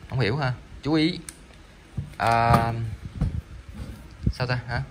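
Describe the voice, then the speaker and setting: A man's voice: mid-range voice, slow pace, very noisy. Rambling man selling salvage electronics. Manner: rambling, stammering, lots of fillers. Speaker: online seller of salvage electronics. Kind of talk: casual sales talk while demonstrating parts.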